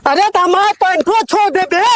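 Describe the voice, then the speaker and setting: A man playing a loud, bossy, foul-mouthed town drunk with an Awadhi accent in a village comedy skit. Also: very high voice, moderate pace, dry recording. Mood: scolding, exasperated. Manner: town drunk, scolding and swearing.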